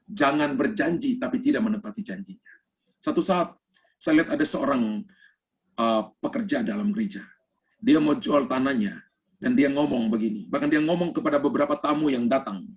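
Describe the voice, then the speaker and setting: A pastor with an Indonesian accent preaches a sermon over a video call, his voice medium in pitch and his pace normal. He delivers it emphatically, like a storyteller, and slips English phrases into his talk.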